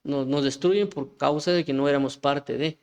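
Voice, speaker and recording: A man's voice: on the high side, steady tone, normal speed, darkish tone. A man preaching an informal sermon, talking conversationally with frequent restarts and rhetorical questions.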